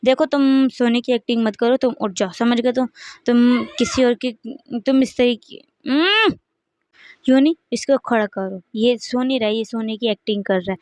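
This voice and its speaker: A woman's voice: a little high, moderate pace, darkish tone, no echo, close to an everyday voice. A woman voicing a jealous, possessive young man who scolds angrily in a storybook reading. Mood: angry. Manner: angry, scolding.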